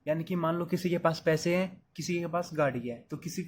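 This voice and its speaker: A man's voice: on the high side, brisk, slight background noise. A man teaching English phrases in a casual, explanatory Hindi lesson, going step by step and talking to the viewer like a friend. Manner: chatty, explains step by step, calls the viewer "brother".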